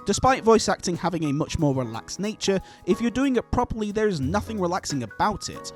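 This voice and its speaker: High-pitched, lively man narrating. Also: fairly quick, soft background music. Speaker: video essay narrator. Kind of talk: scripted narration.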